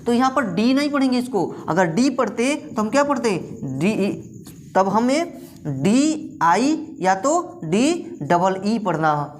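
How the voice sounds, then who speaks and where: A woman's voice: fairly high pitch, very animated. Hindi-speaking woman teaching English sounds. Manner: repeats questions and answers them herself; drills letter sounds slowly. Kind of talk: classroom lesson.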